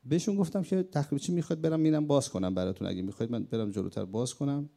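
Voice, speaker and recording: Middle-aged male preacher, gravelly and mellow, animated sermon that rises to emphatic questions. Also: medium pitch. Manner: animated, rising to emphatic outbursts and questions to the audience. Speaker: preacher and war veteran. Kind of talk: religious sermon with war memories.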